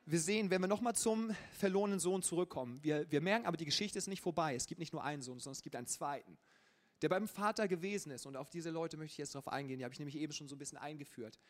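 Sex: male. Role: preacher. Style: casual, lively sermon to a congregation. Pitch: high for a man. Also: fast. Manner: colloquial and conversational, with frequent filler ja. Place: church service.

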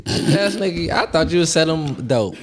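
A blunt man in casual group banter. His voice is a bit higher than average and moves up and down a lot as he gives his opinions. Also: expressive, normal speed, a crowd in the background.

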